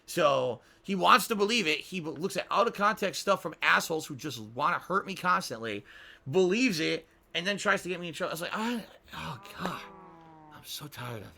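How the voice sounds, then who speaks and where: A man's voice: sits high, expressive, brisk, creaky, bright, forceful tone. A man streaming a game, venting in frustration with heavy swearing and repeating himself as he reads out viewer tips. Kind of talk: casual live-stream chat.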